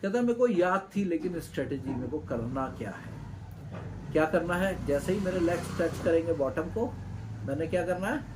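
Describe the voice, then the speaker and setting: A male teacher slowly reads lines from a lesson and explains them, his delivery animated with dramatic swings in pitch and loudness. The background is noisy.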